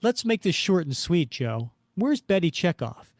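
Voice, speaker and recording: A man's voice: high-pitched, sing-song, a little slow, no echo, clean studio sound, voice pushed up. A man voicing a confident, wisecracking superhero who talks to himself in a comic-book story. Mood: stern wisecracking. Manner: wisecracking, self-talking.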